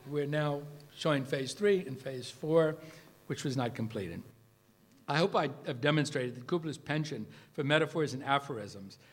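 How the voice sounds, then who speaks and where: Brief: older male lecturer at an evening talk, mid-pitched, halting with uh and restarts, reading quotes between stories. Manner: anecdotal, with frequent uh fillers and restarts. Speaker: lecturer, former student. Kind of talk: academic lecture, part read aloud.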